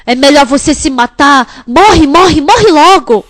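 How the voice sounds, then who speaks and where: A sinister demonic whisper of temptation presses the same command again and again, pitched high and relentless. A woman acts it out within a sermon. It sounds insistent and wheedling rather than loud. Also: lively intonation, slow pace, dry recording, exaggerated voice. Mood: urging.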